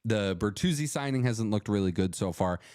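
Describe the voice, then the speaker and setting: An easygoing man co-hosting a sports podcast, his voice on the low side and recorded dry and close. He talks in a measured way, picking apart the game at a relaxed pace. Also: clear, resonant tone, no echo. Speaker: podcast co-host. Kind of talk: casual postgame chat.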